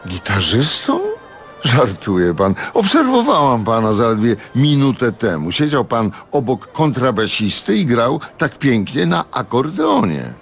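A man's voice: medium pitch, very animated, a little slow, gravelly, soft background music, voice pushed up. A man voicing a touchy, glamorous woman with a theatrical, indignant manner in a radio audiobook reading. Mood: gushing.

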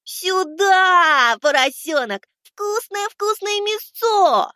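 A shrill, crazed young summoner, taunting and jeering at his foes. The voice sits far above the reader's own, bright and strained, with an odd, unnatural timbre. Dry, close audiobook sound. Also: animated, measured pace, no room sound, full character voice. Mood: maniacal taunting. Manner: shrill, mocking, taunting cackle. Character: young male summoner turned gleeful, menacing avenger. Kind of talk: audiobook character voice.

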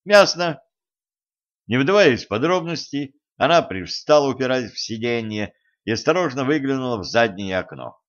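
A man reads a story aloud at a steady, measured pace, with a mid-range voice. The recording is somewhat dull and muffled, like a home audiobook. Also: mid-range voice. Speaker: audiobook narrator. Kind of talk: storybook narration.

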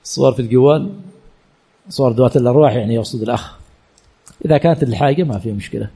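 A man's voice: mid-range voice, racing, warm tone, breathy edge. A man teaching as a sheikh, reading out questions and answering them in a colloquial style with frequent repetition. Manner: reads each question aloud, then answers with repeated phrases; colloquial, self-correcting delivery. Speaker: sheikh teaching Islamic jurisprudence. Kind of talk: answering listeners' questions in a religious lesson.

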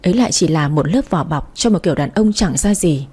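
A woman's voice: deep voice, animated, brisk, mellow, husky. A young woman narrating a first-person story in a wry, matter-of-fact way.

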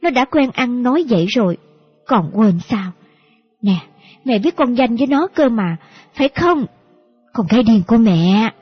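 A woman's voice: a little high, animated, moderate pace, pauses often, breathy edge. A woman voicing a tearful, doting old grandmother, fussing and repeating herself in an audiobook. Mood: gentle scolding. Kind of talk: audiobook character voice. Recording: dull lo-fi audio with faint music.

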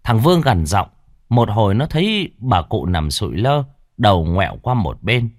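A man narrating a ghost story in a dramatic, expressive way. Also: fairly low pitch, normal speed, no room sound, clean studio sound.

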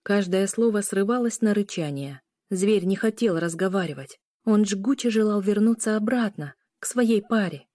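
A woman narrating a romance audiobook in an even, measured read. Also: medium pitch, dry recording, clean studio sound.

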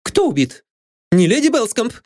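A man voicing a sharp, haughty young lady's maid who is suspicious and quick to take offence, in a read-aloud storybook. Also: big pitch swings. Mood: alarmed. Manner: shrill and indignant.

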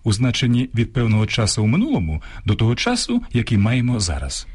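A man co-hosting a scripted radio program on language, explaining usage in a measured, didactic way. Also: medium pitch, husky. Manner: measured, didactic, very lively intonation.

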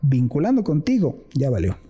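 A man's voice: on the high side, normal speed, breathy edge. Earnest Mexican man telling a ghost story. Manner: earnest, animated storytelling, switches into quoted voices. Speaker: guest. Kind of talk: telling a personal paranormal story.

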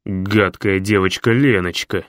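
A man voicing the gruff, abusive bass of a glitching talking mattress in an audiobook. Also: steady tone, measured pace, a bit bright, no echo, clean studio sound. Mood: snarling. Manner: growling, abusive.

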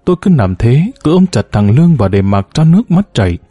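A man reading a novel aloud in a somber, measured storytelling voice. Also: medium pitch, very animated, mellow, husky, dry recording. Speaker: audiobook narrator. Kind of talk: scripted narration of a novel.

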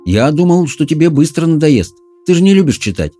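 A young boy in an audiobook who grumbles and teases his brother, as a male narrator does him. The voice is pitched well up, with a mellow, dark tone. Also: very animated, brisk, soft background music. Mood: teasing. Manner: grumbling, teasing. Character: sleepy, teasing younger boy, twin brother.

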